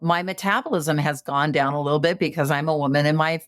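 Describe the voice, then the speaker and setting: Deep-voiced and quick, this late-fifties woman gives coaching advice as a podcast guest, talking animatedly with many fillers and restarts. The recording is clean studio audio without room sound.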